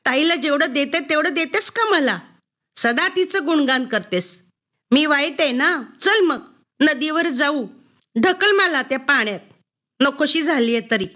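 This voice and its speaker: Woman doing a shrill, defiant schoolgirl. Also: sing-song, a little slow, full character voice. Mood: shrill defiance. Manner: shrill, shouting, bitter and defiant. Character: defiant sixth-grade girl yelling at her mother.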